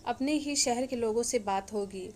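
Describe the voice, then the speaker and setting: A young woman heroine in a spoken story, weary yet hopeful, as a woman narrator puts her on. She talks in a steady, reassuring way, her voice sitting a little high. A faint hum of ambience lies under it. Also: normal speed, close to an everyday voice. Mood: resolute.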